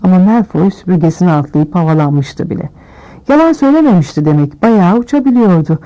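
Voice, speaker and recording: A woman reading a novel aloud as scripted narration, shifting her pitch a little for each character. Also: animated, fairly quick, warm tone, lo-fi sound. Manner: reads all characters with small pitch shifts. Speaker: audiobook reader.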